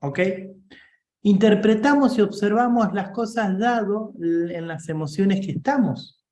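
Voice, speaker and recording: A man's voice: sits high, a little slow, a little mellow. Chatty Rioplatense man teaching in an echoey room. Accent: Rioplatense Spanish. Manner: conversational, checks in often with listeners. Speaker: leadership coach. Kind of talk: informal online class.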